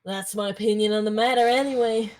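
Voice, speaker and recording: A woman's voice: medium pitch, steady tone, fast, a little mellow. A woman playing a game with friends, reading dialogue aloud and tossing in sweary, teasing asides. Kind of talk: playful let's-play chat with read-aloud game lines.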